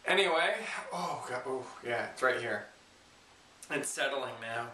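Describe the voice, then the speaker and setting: Bright-voiced man vlogging in a roomy space. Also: mid-range voice, a little slow, slight background noise. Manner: informal, self-deprecating, joking. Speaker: YouTube challenge vlogger. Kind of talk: casual chat to camera. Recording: roomy echo, distant microphone.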